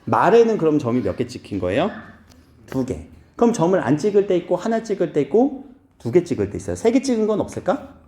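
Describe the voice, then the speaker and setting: Lively male teacher in an echoey room. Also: a little high, fast. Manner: asks the class questions and explains step by step. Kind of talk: classroom lecture. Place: classroom.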